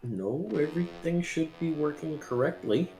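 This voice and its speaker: Co-commentator, male, lively pitch, hollow tube-like mic with roomy echo. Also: moderate pace. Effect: hollow mic, like talking down a tube. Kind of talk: casual race commentary. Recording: echoey hollow mic, faint music behind.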